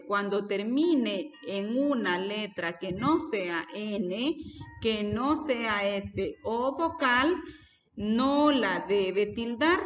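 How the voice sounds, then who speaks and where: A woman teacher giving a lesson, explaining step by step and putting questions to her students. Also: on the high side. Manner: deliberate, explains step by step and asks the class questions. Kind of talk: recorded class lesson. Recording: reverberant, dull lo-fi sound with faint music.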